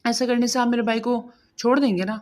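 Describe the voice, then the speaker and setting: A woman's voice: on the high side, fairly even intonation, darkish tone, natural voice. A woman voicing a young bride in a spoken romance novel, tearful but defiant. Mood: pleading.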